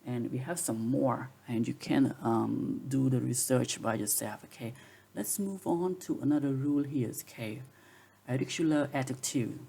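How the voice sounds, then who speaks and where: A man's voice: medium pitch, normal speed, gravelly, warm tone, breathy edge. A man teaching a grammar lesson, patiently repeating rules and examples. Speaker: English teacher.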